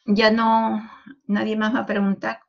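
A woman giving a university medical lecture, explaining calmly and tagging her sentences with a questioning "no". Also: fairly high pitch, measured pace, gravelly, muffled recording. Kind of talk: university lecture over a call.

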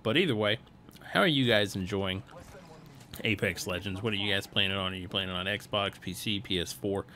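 A young man with a lowish voice talks over his gameplay footage in a loose, easygoing ramble. He sounds tired and lets out small chuckles as he goes. A faint hum sits underneath. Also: moderate pace, sharp tone. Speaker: gaming channel host and streamer. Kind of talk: casual voice-over gameplay commentary.

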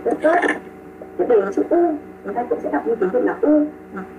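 A woman teaching pronunciation online over a video call. She models sounds slowly, repeats them and praises her students. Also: on the high side, expressive, recorded from a distance, background noise. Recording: tinny call audio with music behind.

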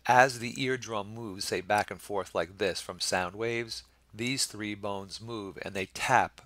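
A man's voice: fairly low pitch, vocal fry, fairly bright tone, no echo. A middle-aged man teaching anatomy over slides, explaining patiently and often checking in with the class. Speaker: anatomy instructor. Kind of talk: recorded lecture over slides.

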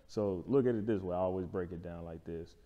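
A barbershop owner guesting on an interview talks casually in a low, slightly fast voice, explaining things colloquially and often checking in with the listener. He's on a lapel mic in an indoor lounge-style studio, and the phone-quality audio carries a reverberant room sound.

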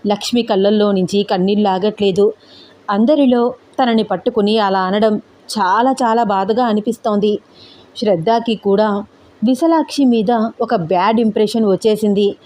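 A woman reads a scripted family story aloud with steady expression. Her voice is mellow and dark in colour, at a middle pitch. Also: normal speed.

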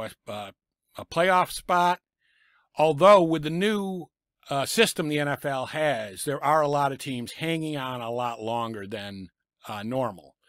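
This is casual football picks commentary from a middle-aged sports vlogger whose lingering cough has made his voice raspy. Pitched on the high side and fairly bright, he speaks bluntly and sarcastically about teams and coaches into a desk mic, in a small home room filled with sports memorabilia, with clean studio sound and no echo.

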